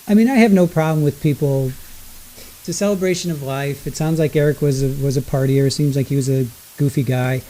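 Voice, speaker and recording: Mellow, high-pitched man reacting live over hiss. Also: a little fast, rough recording. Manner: rambling, self-correcting, exclaiming. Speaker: livestream trial commentator. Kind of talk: casual live reaction commentary. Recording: low hiss under the voice.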